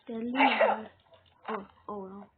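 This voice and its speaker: A woman's voice: on the high side, fairly even intonation, takes it slowly. A British woman giving casual, rambling commentary as she plays a game, talking to herself as she goes. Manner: rambling, chatty self-talk. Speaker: gamer. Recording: tinny lo-fi with noise.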